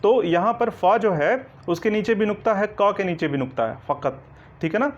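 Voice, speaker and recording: A high-pitched man speaks fairly quickly while teaching Hindi grammar in an online coaching lecture. He explains step by step, checks in with "ठीक है ना", and asks the class questions before answering them himself, on a dull lo-fi recording.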